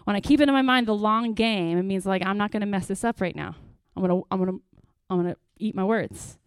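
A middle-aged woman pastor giving an earnest, lively workshop talk to parents, with praise asides and acted-out stories. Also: medium pitch, fast talker, smooth, dry recording. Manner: lively storytelling, acts out quotes with bursts.

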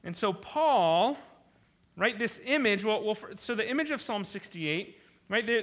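A man's voice: high-pitched, bright, forceful tone. A man preaching an expository sermon, reading scripture and emphatically restating his points. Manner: emphatic, repeats and rephrases points.

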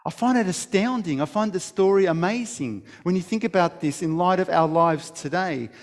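Higher-voiced man preaching in an echoey hall. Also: moderate pace. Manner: storytelling, emphatic, with many restarts. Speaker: pastor. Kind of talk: sermon.

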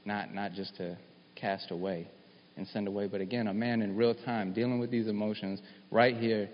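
A man's voice: on the low side, normal speed. Man preaching in an echoing hall. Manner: animated, rising to emphatic bursts, repeats and restarts. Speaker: pastor. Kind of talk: sermon. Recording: dull sound with long hall reverb.

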